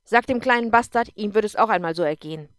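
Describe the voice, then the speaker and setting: A woman voicing a drunk, bitter man who talks loudly and with contempt, in an audiobook. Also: mid-range voice, fairly quick, no echo, clean studio sound, lightly acted. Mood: angry. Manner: loud, contemptuous, pushing. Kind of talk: audiobook character voice.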